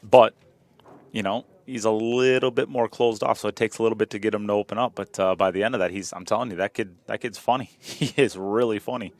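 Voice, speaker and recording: A man's voice: on the low side, fairly even intonation, quick pace, no room sound. A man commentating a pool match in a chatty, joking way, often repeating himself. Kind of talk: live sports commentary.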